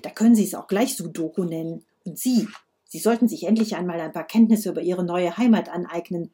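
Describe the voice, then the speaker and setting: Reading a novel aloud, a woman voices a grandmother character: a grumpy, sharp-tongued, sarcastic older woman who drives recklessly, and her tone is brusque and scornful. Her own voice is fairly low, brisk and warm, with a breathy edge.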